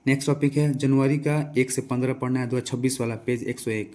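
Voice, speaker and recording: This Bihari Hindi-accented man talks fast in a darkish, medium-pitched voice with fairly even intonation. During a casual revision session for exams, he asks quiz questions and answers them himself, repeating the answers conversationally.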